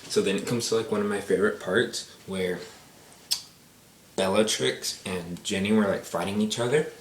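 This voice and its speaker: A man's voice: lowish voice, fairly even intonation, moderate pace, recorded from a distance. A man casually retelling a movie in a rambling way, filling his talk with "like". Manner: rambling, heavy use of "like". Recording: roomy echo, faint noise.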